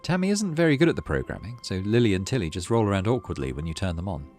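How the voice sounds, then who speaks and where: In this let's play, the host reads the game's story text and adds easygoing commentary. He has a lowish, somewhat dark voice with big pitch swings, moves at a quick pace, and faint music runs underneath.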